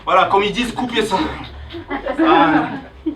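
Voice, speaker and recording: A young man from Angola doing a stand-up comedy set on a club stage, loudly hyping the crowd between jokes. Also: high voice, moderate pace, distant mic, low-quality recording. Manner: animated, hyping the crowd with loud calls. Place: comedy club stage before a live audience.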